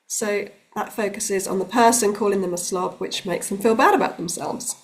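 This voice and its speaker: A woman working as a relationships coach, giving calm, explanatory advice straight to the camera with the odd um. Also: medium pitch, normal speed. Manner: calm, explanatory, with occasional ums. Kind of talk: direct-to-camera advice talk.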